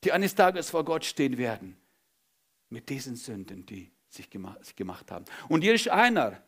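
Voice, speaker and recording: A male pastor preaching a sermon dramatically, swinging between loud emphasis and hushed whispers. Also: mid-range voice, sing-song, moderate pace, breathy edge.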